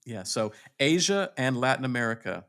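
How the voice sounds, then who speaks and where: A man's voice: medium pitch, very animated, moderate pace, a bit bright. A man hosting a podcast, talking in a thoughtful, easygoing way with many fillers. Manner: thoughtful, full of fillers and restarts. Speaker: podcast host. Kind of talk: casual chat.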